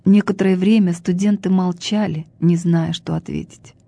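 A woman reading a story aloud as narrator, calm and even. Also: lowish voice, moderate pace, vocal fry, dry recording.

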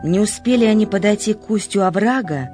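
Woman narrator reading a novel, medium pitch, bit of music under it. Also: a little fast, darkish tone. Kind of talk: scripted literary narration.

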